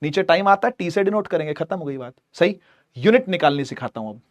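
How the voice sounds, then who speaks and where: A male physics teacher giving a lively classroom lecture, teasing and joking with his students and calling them by pet names. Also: a little high, fast, no echo. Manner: playful, teasing, jokes with students; calls students "beta" affectionately.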